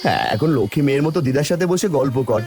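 A man's voice: mid-range voice, animated, very fast, a little mellow, faint music behind, natural voice. A man voicing a caring, worried poor village father in a cartoon, anxious and tender. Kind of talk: cartoon voice acting.

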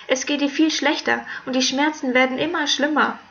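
A woman's voice: high voice, steady tone, normal speed, a bit bright, highs cut off. Anna, a woman playing a worried young princess. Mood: anxious. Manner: anxious, faltering.

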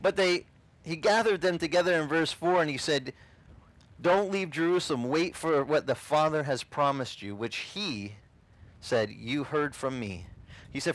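On a beach, a middle-aged pastor who isn't a native English speaker preaches an animated, casual sermon outdoors, gesturing and acting out the voices he quotes. His voice sits on the high side, and the recording is low-quality.

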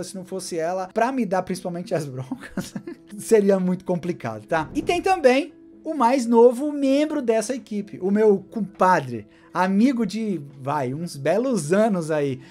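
A man, giving a heartfelt, animated year-end thank-you to camera from a home studio. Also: high voice. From Brazil. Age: 40s. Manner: warm, gesturing animatedly, emotional. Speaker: tech YouTuber. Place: home studio with gaming chair and collectibles.

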